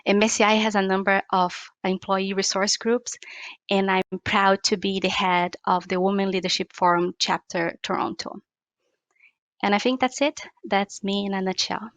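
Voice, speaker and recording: Flat-toned woman from Brazil, dry sound. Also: medium pitch, normal speed, no room sound. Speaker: panelist, ESG researcher. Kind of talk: self-introduction on a panel.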